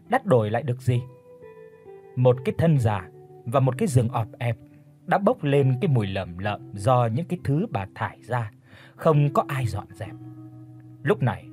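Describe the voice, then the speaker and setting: A man narrating a dramatic audio story in a mournful tone. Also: medium pitch. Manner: mournful, chanting verse at the start. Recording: soft instrumental music underneath.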